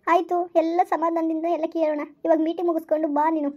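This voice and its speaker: Young wife in a home drama, begs and pleads, very high and flat, low-fi recording. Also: female voice, fast talker, lo-fi sound. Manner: pleading, hurt, repeats "please". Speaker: wife in a family skit. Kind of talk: scripted family drama.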